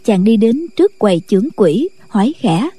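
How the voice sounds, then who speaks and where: A woman narrating a martial-arts novel in a steady, scripted late-night storytelling style. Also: mid-range voice, normal speed, husky, no echo. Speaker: audiobook narrator.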